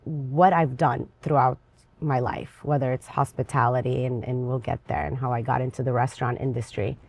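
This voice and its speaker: A woman from Lebanon, an interview guest, talking in a lively, chatty and restless way. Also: extremely low pitch, no echo. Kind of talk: casual interview conversation.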